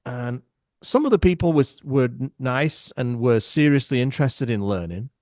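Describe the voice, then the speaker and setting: A middle-aged man chatting casually as a podcast guest, telling lively stories and acting out what other people said. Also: mid-range voice, moderate pace, dry recording, studio quality. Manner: animated, acts out other people's voices. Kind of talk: casual storytelling chat.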